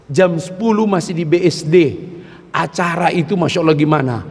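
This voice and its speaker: A man preaching at a mosque, telling animated stories with jokes and frequent exclamations. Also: on the high side, normal speed, slightly rough. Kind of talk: lively mosque sermon. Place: mosque hall. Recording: long mosque reverb.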